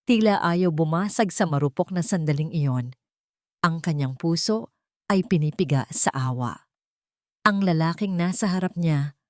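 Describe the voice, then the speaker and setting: A woman with a Filipino accent reads a dramatic scripted story aloud as an audiobook narrator. Her voice sits low and is a little mellow, captured in studio quality with no echo.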